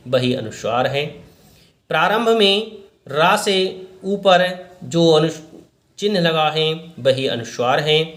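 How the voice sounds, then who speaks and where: Male teacher, slightly high voice, slow methodical classroom explaining, roomy echo. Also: fairly bright tone. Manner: slow, deliberate explaining, pointing at the board. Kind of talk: grammar lesson, explaining and giving examples. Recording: echoey room.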